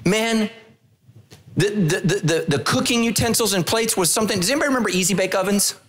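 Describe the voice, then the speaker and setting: Animated high-voiced man preaching. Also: fast talker. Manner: animated storytelling with humorous asides, pitch swinging widely. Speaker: pastor. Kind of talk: sermon. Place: large church stage, indoors. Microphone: handheld microphone.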